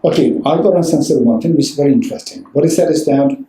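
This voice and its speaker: A man's voice: fairly high pitch, fast, warm tone. A man teaching as a Buddhist teacher to a live audience, talking conversationally, checking in with the room and repeating phrases for emphasis. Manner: conversational, checks in often with "right?" and "okay". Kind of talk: dharma talk to a live audience. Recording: roomy echo.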